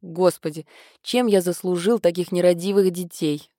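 A cruel older marquess from a storybook who sneers and mocks in every word. His voice is low and mellow, as a woman narrator puts him on. It comes through dry and close. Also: fairly even intonation, normal speed, no room sound, lightly acted. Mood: sneering. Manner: mocking, sneering.

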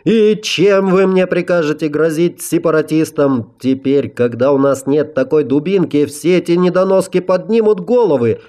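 A man's voice: medium pitch, a little slow, dark tone, voice pushed up, close to an everyday voice. Asigal, a man voicing a furious council head. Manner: furious, hissing threats.

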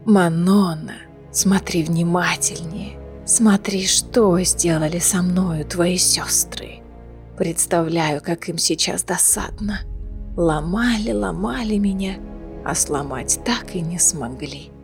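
A woman voicing a battered, defiant captive witch with an injured throat, whispering hoarsely and slowly. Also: lowish voice, soft background music, voice pushed down. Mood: defiant, mocking.

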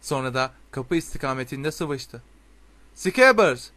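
A man reading a storybook aloud in a steady, expressive way. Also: fairly high pitch, normal speed. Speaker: audiobook narrator. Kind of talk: storybook narration.

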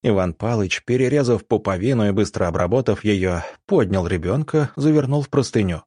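A male audiobook narrator tells the story in a tense, measured way. His low voice has a husky grain. It is recorded close and dry, with no room sound. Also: expressive, dark tone, dry recording.

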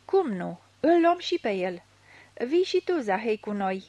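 Woman reader playing a loud, domineering man in a storybook, raised pitch, nearly barking orders. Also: sing-song, dry recording, dull audio. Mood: commanding. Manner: bossy, almost ordering. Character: gruff commanding grown man, pushy leader.

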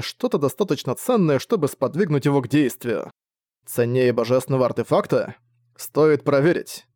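A man narrating a fantasy audiobook in a steady, lively storytelling manner, close to the mic. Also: mid-range voice, dry recording. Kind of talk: scripted narration.

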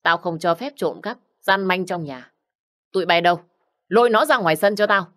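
A woman's voice: on the low side, expressive, moderate pace, a bit bright. A woman voicing a stern old mistress of a household who scolds and gives orders. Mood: commanding. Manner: commanding, scolding.

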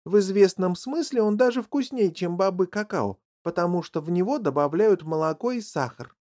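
A man reading an audiobook and voicing an eccentric, excitable chocolate maker who tells his tale with animated exclamations. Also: high-pitched, normal speed.

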